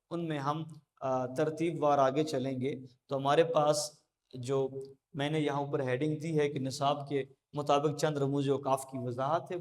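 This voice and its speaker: A man giving a classroom lecture at a board, explaining slowly with frequent pauses and fillers. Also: fairly high pitch. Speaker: teacher. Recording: long hall reverb.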